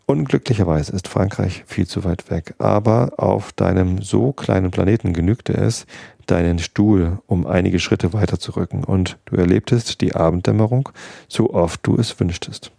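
A man reading a novel aloud at a measured pace, pausing often and correcting small slips. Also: low-pitched, creaky, dark tone, dry recording, clean studio sound. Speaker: reader.

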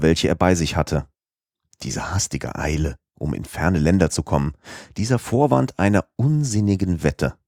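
Deep-voiced man reading an audiobook. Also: no room sound, studio quality. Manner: steady, measured storytelling. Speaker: audiobook narrator. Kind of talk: scripted audiobook narration.

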